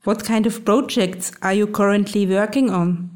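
A woman hosting a radio show, reading a scripted introduction and asking interview questions in a clear, even delivery. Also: mid-range voice, moderate pace. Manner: clear, read-aloud delivery.

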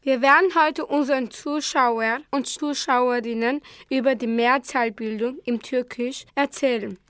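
A young girl presenting a school radio programme, slowly reading out her lines from a script. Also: high voice, fairly even intonation, a bit bright, clean tone, dry recording. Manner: slow, careful, read-aloud delivery.

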